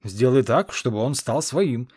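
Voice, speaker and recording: Brief: a male narrator playing a rough, booming giant soldier in a fantasy audiobook, loud and blunt. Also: expressive, a little slow. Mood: gruff. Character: gruff blustering giant warrior, man.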